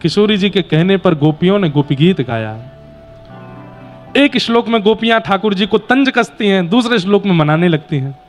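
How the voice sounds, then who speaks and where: High-voiced man preaching a devotional discourse. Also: normal speed, soft background music. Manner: animated storytelling with quoted dialogue. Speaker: kathavachak (scripture storyteller).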